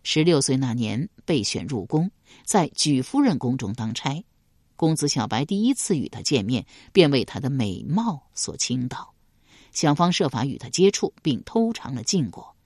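A woman narrating a historical novel with expressive, dramatic storytelling. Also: extremely low pitch, normal speed, breathy edge, no echo, studio quality. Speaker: audiobook narrator.

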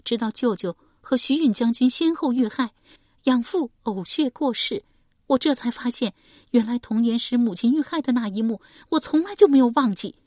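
A woman's voice: fairly high pitch, animated, normal speed, a little mellow, dry recording, studio quality, voice pushed up. A woman voicing a grieving, vengeful young noblewoman in an audiobook, tearful and anguished.

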